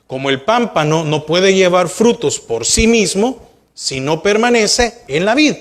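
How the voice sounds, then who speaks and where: A man's voice: high voice, lively intonation, measured pace. A man preaching a sermon as pastor, asking his congregation rhetorical questions and speaking to them directly. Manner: addresses listeners directly, urging them to look and listen.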